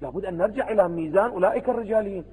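A man with an Iraqi Arabic accent speaks very fast in a high voice, delivering a seminary lecture to students as a religious scholar. He repeatedly poses rhetorical questions and answers them, and the low-quality recording has a long reverb tail and crowd noise.

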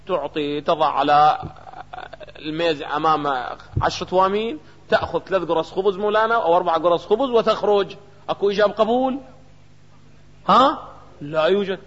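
Iraqi guy teaching law class, keeps asking students stuff then answers himself, kinda high voice, echoey hall. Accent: Iraqi Arabic. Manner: keeps firing rhetorical questions at students and answering them. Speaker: jurisprudence teacher. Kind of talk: seminary lecture on a legal text. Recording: reverberant hall, dull lo-fi sound.

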